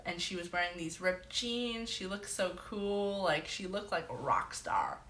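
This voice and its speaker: A woman's voice: on the low side, measured pace, fairly bright tone, roomy sound. A woman hosting a casual livestream from her bedroom, telling stories in a chatty way full of "like". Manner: chatty storyteller, heavy "like" filler. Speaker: livestream host.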